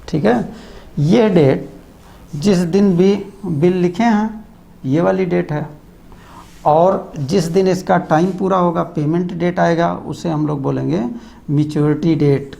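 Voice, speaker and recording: A man's voice: on the high side, gravelly, mellow. A man teaching a commerce lesson, who repeats key terms and quizzes the listener. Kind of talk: classroom lecture.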